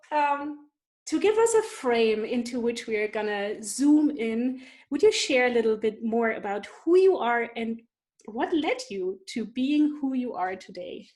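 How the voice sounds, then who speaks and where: A woman's voice: fairly high pitch, a little mellow. A woman hosting an interview show, introducing her guest from a prepared script and then asking questions. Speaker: podcast host.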